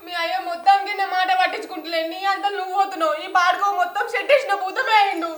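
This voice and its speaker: A high, bright-voiced village mother with a Telangana accent, played by a woman, anxious and tearful, scolding her family at a quick clip. She speaks in a rural family drama. The room around her is echoey. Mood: worried, tearful. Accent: Telangana Telugu. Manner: weepy, scolding.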